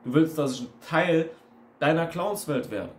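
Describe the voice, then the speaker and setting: A man's voice: fairly high pitch, lively intonation, moderate pace. A man, an online coach, giving a blunt, ranting monologue full of emphatic repetition. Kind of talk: casual monologue video. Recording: roomy with faint noise.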